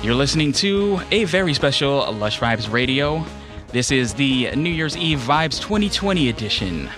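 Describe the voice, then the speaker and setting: A man hosting a radio show in natural, unscripted talk, casual and halting as he feels his way along. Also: medium pitch, sing-song. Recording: music playing under the voice. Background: background music.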